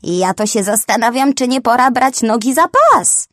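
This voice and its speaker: A woman's voice: a little high, lively intonation, moderate pace, a bit bright, no echo, clean studio sound, pitched above the performer's own voice. A woman voicing a jittery female parrot who blurts nervous lines.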